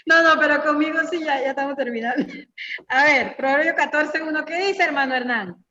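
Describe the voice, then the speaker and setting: A woman's voice: high-pitched, brisk. A middle-aged woman, a guest speaker at a church women's meeting, preaching informally with personal stories, teasing and questioning her listeners. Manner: lively, teasing, questions the audience directly. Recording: echoey church hall, dull lo-fi sound.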